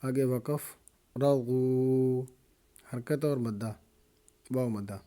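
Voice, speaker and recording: A man teaching Quran reading to beginners, spelling out each syllable slowly before explaining the rules. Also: medium pitch, steady tone, mellow. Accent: Pakistani Urdu. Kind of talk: slow spelled-out reading drill.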